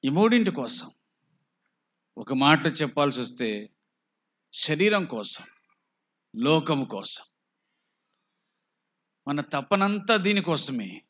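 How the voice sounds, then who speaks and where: A man with a Telugu accent, preaching a slow, emphatic sermon full of rhetorical questions. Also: a little high, big pitch swings, a bit bright. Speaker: pastor.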